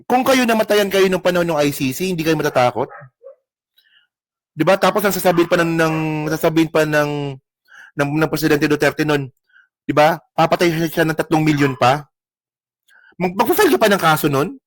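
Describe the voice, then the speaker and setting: A man's voice: a little high, expressive, a little fast, long pauses, no echo. A man giving mocking reaction commentary on news clips, heated and insulting, rambling with restarts and speaking straight to his viewers. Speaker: political commentary vlogger.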